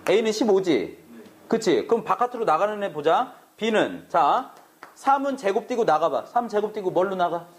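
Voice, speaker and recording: A man's voice: high voice, expressive, normal speed. A man teaching math to a classroom, brash and teasing, swearing at students in a casual way. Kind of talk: classroom lecture.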